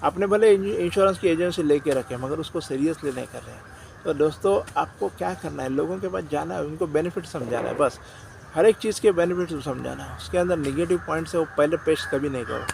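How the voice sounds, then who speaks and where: A man's voice: fairly high pitch, brisk, vocal fry, darkish tone, a little hiss or hum, poor audio. A man with an Indian accent gives a motivational sales talk to insurance agents. He talks directly and repeats his phrases. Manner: direct, repeats phrases, often says "dosto".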